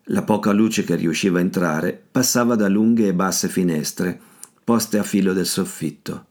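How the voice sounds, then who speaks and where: A man narrates an audiobook in a steady, measured manner. His voice sits very low. The reading is carefully scripted. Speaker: audiobook reader.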